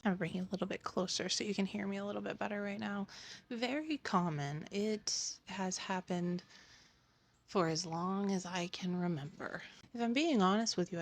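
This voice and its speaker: A young woman vlogging at home early in the morning, talking bluntly and casually, swearing now and then and sometimes dropping to a whisper. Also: lowish voice. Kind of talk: casual vlog talk. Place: indoors at home early morning, birds and wind chimes outside.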